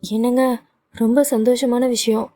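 A woman's voice: a little high, little pitch movement, a little slow, warm tone, close to an everyday voice. A woman voicing a worried middle-aged mother who fusses and scolds her grown son. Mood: excited. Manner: scolding, emotional.

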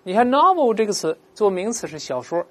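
A woman's voice: medium pitch, big pitch swings, a bit bright. A woman teaching English vocabulary, explaining words patiently and asking "right?" again and again. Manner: explains patiently, slowly models pronunciations for repeating; asks "right?" often. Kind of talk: vocabulary lesson.

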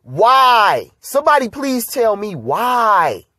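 A man's voice: high voice, very animated, slow pace, bright, forceful tone, dry recording. Heated profane man, dry close mic. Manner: heated, profane, street slang. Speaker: podcast host. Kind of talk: casual political commentary monologue.

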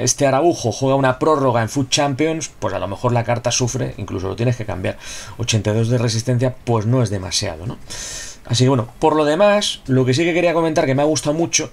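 Gravelly man chatting through a game review. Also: mid-range voice, darkish tone. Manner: chatty, repeats points, asks rhetorical questions. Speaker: gaming YouTuber reviewing a player card. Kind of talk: casual video review commentary.

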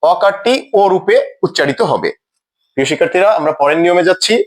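A teacher talks through a grammar lesson at a slow, deliberate pace. His voice sits high for a man. He says each example word twice, as if reading from a script.

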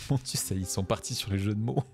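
A man's voice: lowish voice, brisk, gravelly, darkish tone, soft background music. A man casually commenting on a video game while streaming, chatty and jokey, thanking viewers by name. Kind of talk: casual let's-play commentary.

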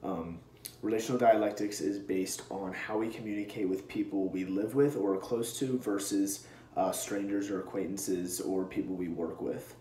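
A young man giving an earnest class presentation, speaking close to a camera in a small room and filling pauses with many ums. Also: lowish voice, steady tone, dark tone, reverberant, a little hiss or hum. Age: young adult. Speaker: student presenter. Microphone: camera close in front.

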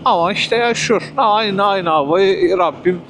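High-voiced man ranting on his motorbike. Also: measured pace, a bit bright, slight background noise. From Turkey. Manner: irritated and swearing, with sarcastic asides. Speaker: motorbike food delivery rider vlogging. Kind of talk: casual ranting vlog while riding. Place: outdoors on a motorbike in city traffic.

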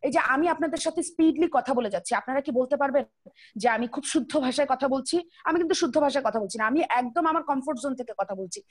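Young female trainer, fast colloquial delivery, slightly high voice, on a video call. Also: no room sound. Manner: chatty, colloquial, rapid, addresses students directly. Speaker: online class trainer. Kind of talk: casual online class lecture.

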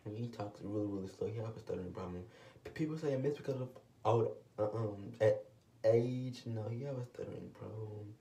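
Speaking a little fast in a lowish, gravelly, warm male voice, a teenage boy vlogs from a small room at home. He talks casually and rambles, his stutter bringing restarts and many fillers. With the camera set low below his face, the sound is distant, off-mic, and roomy.

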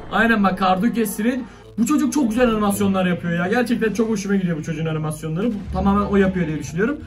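A man with a strikingly high voice gives excited, slangy reaction commentary to his viewers. He sits back from the mic. Faint music plays behind him. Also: recorded from a distance. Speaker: video reaction host.

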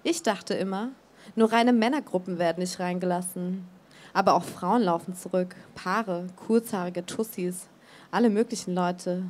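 A woman author reading aloud from her own novel in a calm, measured, even way on a book fair stage. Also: fairly low pitch, slight background noise.

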